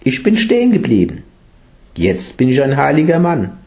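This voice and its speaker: A man voicing a calm, serene male monk teacher who speaks firmly and gently. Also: medium pitch, normal speed, gravelly, pitched above the performer's own voice. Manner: calm and firm.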